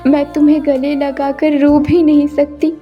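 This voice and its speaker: A woman voicing a sorrowful young woman cursed into a flower, speaking a soft, longing inner monologue over background music. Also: sits high, little pitch movement, unhurried, muffled recording. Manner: wistful, soft, inward monologue. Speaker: voice actor. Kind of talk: dubbed cartoon acting.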